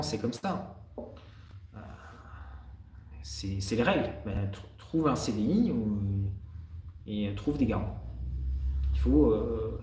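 A man's voice: medium pitch, darkish tone, recorded from a distance, a little hiss or hum. A man from France with a French accent, answering viewers' questions in a casual, direct live stream. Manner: direct, informal, many fillers. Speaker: real estate investor answering live questions. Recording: roomy sound from off the mic.

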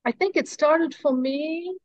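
A middle-aged German woman, a stop motion animator, chats as a guest in a casual interview, playful and often joking and laughing. Her high-pitched voice moves at a measured pace, with no room sound.

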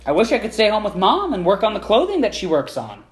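A man voicing a polite young woman sailor, the captain's daughter, who speaks softly and wistfully. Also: sits high, wildly swooping pitch, fast.

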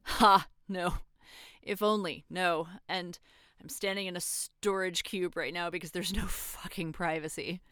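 A young woman acting a guilt-ridden former soldier who confesses by phone, talking haltingly, swearing, and sliding toward panic. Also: on the low side, steady tone, a bit bright, clear, resonant tone, dry recording, clean studio sound. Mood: shaken. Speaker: caller confessing to a priest. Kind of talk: audio drama acting.

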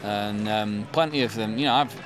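Chatty Mancunian man in his thirties, somewhat low voice, interviewed outdoors over a loud crowd. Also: normal speed. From England. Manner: chatty, with frequent restarts and ums. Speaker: football fan interviewee. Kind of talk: casual interview. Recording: crowd noise behind.

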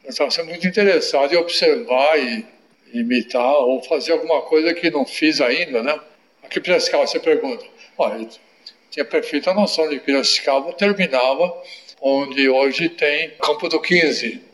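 A man in his eighties reminiscing in an interview, telling stories in an unhurried way with tag questions. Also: a little high, a bit bright. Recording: echoey room.

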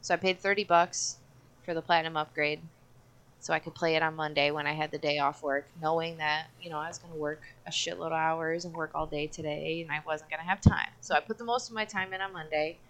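Chill woman on a gaming podcast, pretty low voice, easygoing. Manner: relaxed and chatty, quick to agree. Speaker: podcast co-host. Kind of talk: casual podcast chat.

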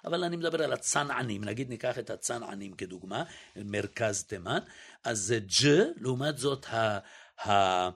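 A man's voice: fairly low pitch, animated, gravelly, a bit bright, husky. A man speaking as a guest linguist in an interview, methodically demonstrating each sound aloud and sometimes hesitating and correcting himself. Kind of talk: explanatory interview talk.

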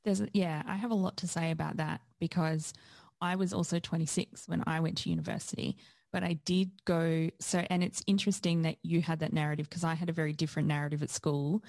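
A woman's voice: low voice, flat delivery, brisk, creaky, a little mellow, no room sound. A woman, talking candidly and chattily about herself. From South Australia. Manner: candid, chatty and self-deprecating. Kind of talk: casual conversation.

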